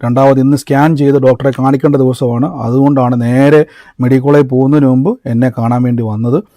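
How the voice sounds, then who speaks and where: At a fairly quick pace and with fairly even intonation, a man delivers a sermon like a conversation, sharing his own testimony as a story. His voice is medium-pitched and mellow; he addresses people as "brother" and "beloved" and mixes in English. The audio is studio quality, with no room sound.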